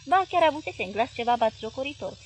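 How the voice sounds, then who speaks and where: A woman reads a literary novel aloud in a measured audiobook narration. Her voice sits a little high. A faint hiss runs beneath it. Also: lively intonation. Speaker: audiobook reader.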